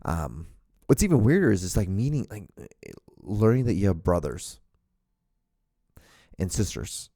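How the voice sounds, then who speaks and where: Sitting in a room at home in front of a camera, a Honduran man in his thirties hosts a solo podcast through a studio microphone while wearing earphones. He speaks a little slowly and pauses often, his lowish warm voice swinging widely in pitch, rambling casually and profanely with many restarts. The sound is clean studio audio, no echo.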